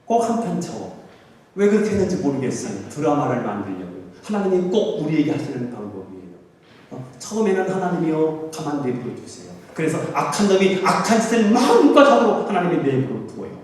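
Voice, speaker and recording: A male pastor preaching with fervent intensity, his fairly high voice rising into urgent pleas. The sound is heavily echoey, with a long hall reverb, and he is heard from a distance in a church sanctuary. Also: very animated, a little fast. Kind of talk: sermon.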